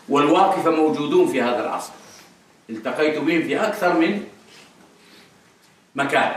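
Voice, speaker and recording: Scholar lecturing in a mosque, high ringing voice, emphatic repetition, distant mic in a reverberant hall. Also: male voice, a bit bright. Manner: emphatic, repeats key phrases for stress. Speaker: Islamic scholar lecturing on creed. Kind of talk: religious lecture. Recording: echoey hall, voice picked up from afar.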